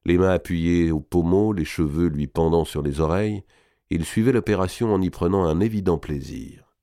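A man reading a historical novel aloud in a measured, even storytelling manner. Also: deep voice, no room sound, studio quality. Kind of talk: audiobook narration.

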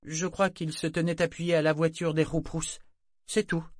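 A petulant, defiant teenage girl, as a man puts her on in a storybook. Her voice climbs high and turns shrill and whiny, full of sulky protest. The recording is close and dry. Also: expressive, a little fast, no room sound, lightly acted.

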